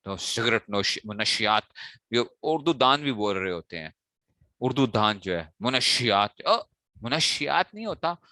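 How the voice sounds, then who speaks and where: Bright-voiced man teaching a class. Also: mid-range voice, big pitch swings, no room sound, clean studio sound. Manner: corrects mispronounced words, repeating them slowly syllable by syllable; asks students checking questions. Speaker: teacher of Arabic morphology. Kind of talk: classroom lecture.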